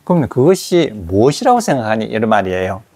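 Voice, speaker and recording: A man lecturing in a small classroom, his voice gravelly and husky. His pitch moves in a lively way as he slowly repeats English words aloud so students can hear each sound. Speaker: English teacher.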